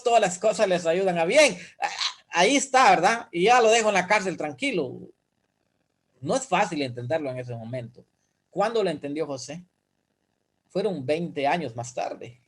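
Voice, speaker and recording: A man speaking as an evangelical pastor, earnestly reasoning through a question of faith with rhetorical questions and everyday examples. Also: sits high. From Central America. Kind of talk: explaining faith in a guest talk.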